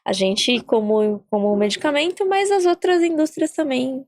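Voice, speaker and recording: A woman co-hosts a podcast in a lively, exclamatory way. Her voice sits a little high, and the recording is dry and close. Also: normal speed, no room sound. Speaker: podcast co-host. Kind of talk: casual chat.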